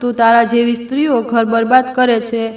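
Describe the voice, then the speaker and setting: A woman voicing an angry, accusing young husband who shouts with contempt, in an echoey room. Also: on the high side, little pitch movement, moderate pace, close to an everyday voice.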